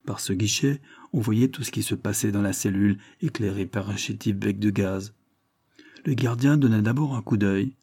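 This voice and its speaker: A man reading a classic novel aloud in measured first-person narration. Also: lowish voice, warm tone, slightly rough. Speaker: audiobook reader.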